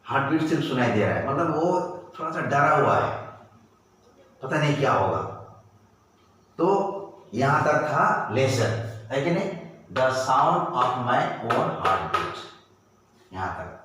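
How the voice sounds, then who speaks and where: A man's voice: mid-range voice, sing-song, a bit bright, recorded from a distance. Man teaching kids english, drags out each word, very echoey room. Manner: slow, drawn-out English phrases for pupils to repeat. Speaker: primary school English teacher. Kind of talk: classroom lesson in Hindi and English. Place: classroom.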